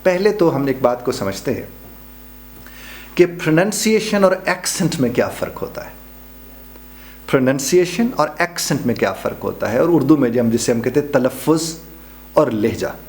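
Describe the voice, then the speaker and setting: A middle-aged man with a Pakistani Urdu accent, teaching a pronunciation lesson, spelling out and repeating example words slowly. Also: medium pitch, expressive, darkish tone. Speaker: pronunciation trainer. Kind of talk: spoken lesson.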